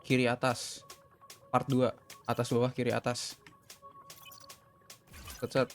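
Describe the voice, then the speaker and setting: A man from Indonesia talks loosely and jokes as he plays through a game. His voice sits at a medium pitch, with faint game music underneath. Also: completely flat delivery, a little slow. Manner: joking, laughing, loud. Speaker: gameplay streamer. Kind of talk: casual gameplay commentary.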